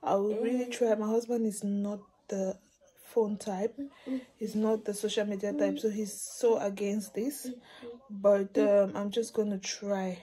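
A woman's voice: mid-range voice, little pitch movement, measured pace, warm tone, husky, poor audio. Chatty woman vlogger talking to viewers. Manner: chatty, addresses viewers directly. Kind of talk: casual vlog update to camera.

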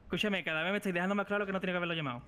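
A man's voice: sits high, rapid-fire, over a noisy crowd. A man in a game roleplay, insistently pressing his point and cutting in. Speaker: roleplay player. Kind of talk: in-character roleplay chat.

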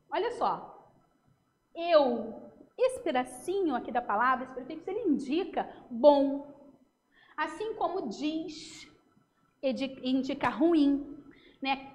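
A Brazilian woman teacher talks through a recorded lesson in a lively, chatty way, often checking that her students follow. Her voice sits high. A long room reverb trails behind every word. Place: home.

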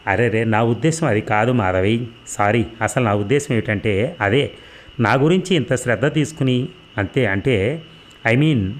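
A man's voice: medium pitch, measured pace, natural voice. Man reading as a flustered apologetic actor.

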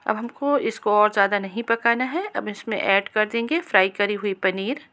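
A woman hosting a cooking channel, giving a calm, step-by-step recipe voice-over and speaking directly to viewers. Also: medium pitch, normal speed.

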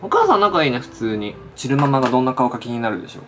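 A man's voice: mid-range voice, big pitch swings, rapid-fire, over music. A man in his thirties hosting a casual get-ready-with-me chat, playful and chatty, speaking in a feminine-styled way. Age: 30s. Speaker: channel host. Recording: clear background noise.

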